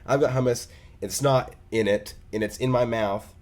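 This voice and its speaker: Young man telling a vlog story. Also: medium pitch. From Oklahoma. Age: young adult. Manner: animated, laughing storyteller with quick asides. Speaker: vlogger.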